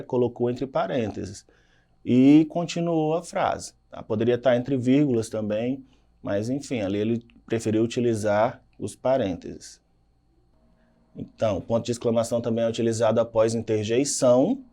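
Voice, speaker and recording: With a Brazilian Portuguese accent, a man teaches a recorded lesson in a medium-pitched, mellow voice. His explanatory delivery is sprinkled with frequent "tá?" and "né?" check-ins.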